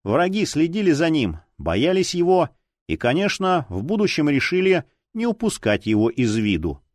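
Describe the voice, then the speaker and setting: A man narrating a detective story in a measured, expressive reading. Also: a little high, dry recording. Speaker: audiobook narrator. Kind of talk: scripted narration.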